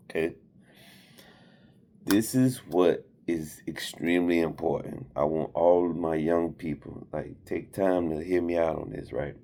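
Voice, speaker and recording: A man's voice: deep voice, a little mellow. A man in his forties who works at sea, giving blunt, rambling safety advice to young sailors in a casual vlog. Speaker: maritime worker.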